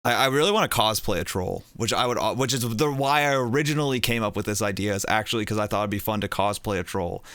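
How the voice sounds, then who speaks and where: A man's voice: fairly low pitch, fast talker, few pauses, a bit bright, no echo, clean studio sound. A young man streaming a game, chatting casually and rambling, getting distracted as he goes. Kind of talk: casual gaming chat.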